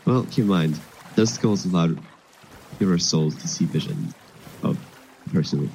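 A man's voice: sits low, a little mellow, slight background noise, poor audio. A man telling his pirate character's story in a role-play chat, hesitant and full of fillers. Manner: halting, hesitant with many fillers.

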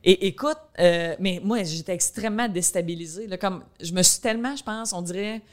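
A woman's voice: fairly low pitch, brisk. A woman in her thirties with a rural Quebec French accent, a comedian chatting loosely as a podcast guest, full of fillers. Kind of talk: casual chat.

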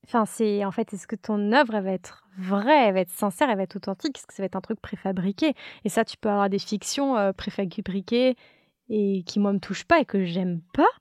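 A woman host speaks at a middle pitch, thoughtful and earnest, with a light, teasing touch now and then. The sound is close and dry. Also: a little fast, darkish tone, dry recording. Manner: reflective, earnest, playful asides. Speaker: podcast host. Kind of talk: conversational interview.

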